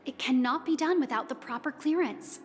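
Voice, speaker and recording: A woman's voice: high voice, normal speed, big-room sound, lightly acted. A woman playing a polite, flustered young hotel receptionist in a video game, with formal customer-service courtesy. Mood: apologetic, formal.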